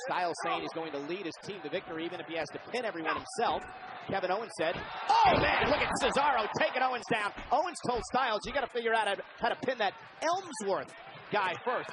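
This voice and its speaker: A man doing excited live play-by-play wrestling commentary, punching out each call of the action. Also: sits high, quick pace. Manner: emphatic, punchy calls of the action. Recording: loud crowd noise behind live broadcast. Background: roaring arena crowd.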